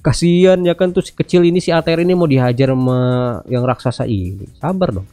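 Seated indoors at his computer, this Indonesian-accented man in his thirties hosts a gaming video, talking casually through the gameplay and dropping in English radio-style lines. His voice runs a little high and fairly quick with a dark tone. There's no echo, just faint music in the background.

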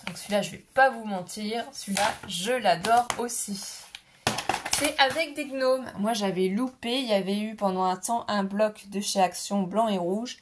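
Showing off scrapbooking finds in a casual haul video, a woman speaks at a moderate pace in a mid-range voice, against a faint hiss or hum. She's enthusiastic, says "trop mignon" again and again, and her tired voice has her clearing her throat.

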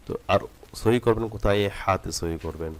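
A man teaching Quran recitation. He reads phrases slowly and drawn out, then explains the rules quickly. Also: fairly low pitch. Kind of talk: tajweed lesson.

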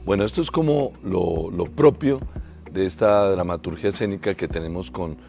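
A man, a theatre teaching artist, explaining his workshop in a measured way. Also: low-pitched, vocal fry. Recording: soft music underneath.

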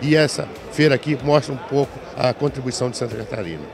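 A man's voice: medium pitch, quick pace, vocal fry, noisy background. A man in his sixties speaking assertively and formally in an interview at a crowded fair. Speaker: government official interviewee. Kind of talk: interview soundbite. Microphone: handheld interview mic. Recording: busy crowd chatter around.

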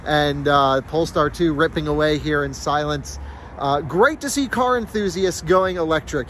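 A young man with a slightly high voice talks eagerly to his phone camera, filming himself outdoors at night. Faint traffic and car noise hum in the background of this casual vlog. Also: a bit bright. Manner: enthusiastic, thinking aloud. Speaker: car channel host. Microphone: phone camera at arm's length.

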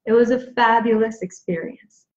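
A woman's voice: fairly high pitch, steady tone, normal speed, darkish tone. An upbeat, emphatic woman in her forties, a speaking coach giving motivational tips straight to camera, stressing her key words. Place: small indoor room at home. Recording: roomy echo, dull lo-fi sound.

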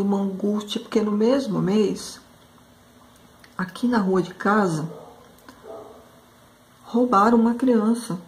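A woman's voice: fairly high pitch, darkish tone. A woman hosting a craft channel who chats through a story while she paints, talking emotionally and often calling out to her viewers. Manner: emotional, exclamatory, addresses viewers as "gente".

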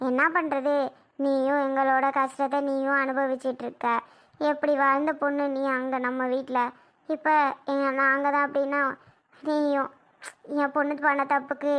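A woman's voice: high-pitched, fairly bright tone. A woman playing a worried older village mother in a family skit, talking in an emotional, pleading way. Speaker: mother-in-law.

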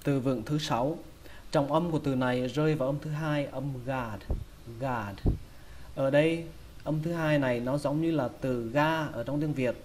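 A man's voice: medium pitch, normal speed, a little mellow, slight background noise. A man with a Vietnamese accent teaching English vocabulary, patiently repeating each word several times. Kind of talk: pronunciation lesson.

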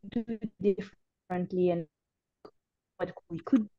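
A woman's voice: lowish voice, steady tone, lo-fi sound. A woman giving opening remarks on a webinar video call, her audio breaking up and choppy. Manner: unhurried, with many "uh" pauses. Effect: choppy audio breaking up on an online call. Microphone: computer mic on a video call.

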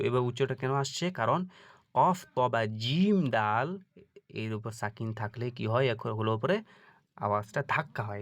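Speaking in a lowish voice, a man leads an online Quran reading class at an unhurried pace, quizzing his students as he goes. Each word is first spelled letter by letter, then recited slowly and stretched out.

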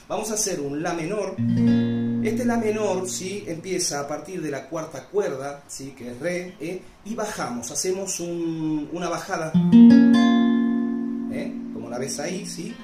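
A man's voice: on the high side, animated, unhurried, roomy sound. A man with an Argentine accent teaching a folk guitar piece in a casual tutorial, patiently checking in with the viewer after each step. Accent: Argentine Spanish.

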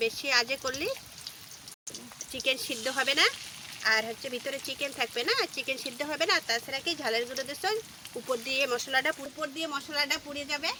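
A high-voiced woman narrates her cooking at a rapid clip, chatting casually as she works in a home kitchen. Loud frying and sizzling noise sits under her voice throughout. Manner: talks very fast, rushes through. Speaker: home cook vlogger.

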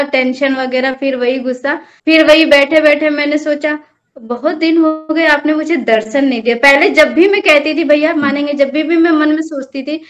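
High-voiced young woman telling a devotional story. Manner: earnest, storytelling, addresses host as bhaiya. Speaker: guest devotee telling her experience. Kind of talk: personal testimony in conversation.

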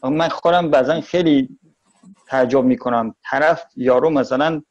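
A man from Tajikistan with a Tajik Persian accent, giving a thoughtful interview and slowing down to stress his points. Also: medium pitch, lo-fi sound.

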